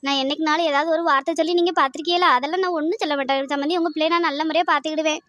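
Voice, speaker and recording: A woman's voice: high-pitched, fairly even intonation, rapid-fire, a bit bright, no echo. A woman voicing a reassuring middle-aged mother-in-law in a cartoon. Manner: soothing, promising. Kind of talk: cartoon voice acting.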